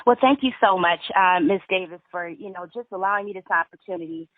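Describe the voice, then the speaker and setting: A woman from Michigan speaks haltingly as a guest on a call, leaning on "you know" and "uh" throughout. The sound is a tinny, dry phone line. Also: fairly low pitch, dry recording. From Michigan, USA. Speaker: guest giving a testimony. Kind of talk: phone testimony. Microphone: telephone.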